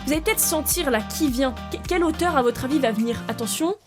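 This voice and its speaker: A young woman chats to camera about books, excitable and full of fillers and restarts. Her voice sits a little high. Soft music plays quietly behind her. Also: fast. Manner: chatty and excitable, with many fillers. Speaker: book vlogger. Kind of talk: casual chat to camera.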